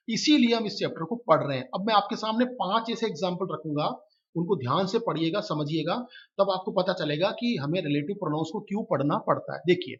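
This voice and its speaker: A man teaching English grammar in a patient lesson, repeating his points and reading example sentences slowly. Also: sits high, highs cut off. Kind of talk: lesson explaining grammar in Hindi.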